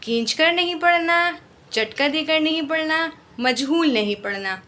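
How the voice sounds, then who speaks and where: A woman teaching how to read Quranic letters, explaining patiently and drilling each syllable slowly. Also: high-pitched, lively intonation, a bit bright. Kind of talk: slow spoken recitation lesson.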